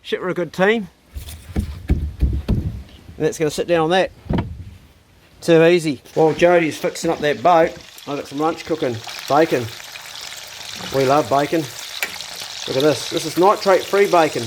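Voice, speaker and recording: Broad New Zealand accent, middle-aged man, slightly high voice, slangy casual vlogging, faint background noise. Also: moderate pace, long pauses. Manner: laid-back, slangy, blokey. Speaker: vlog host. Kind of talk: casual vlog chat.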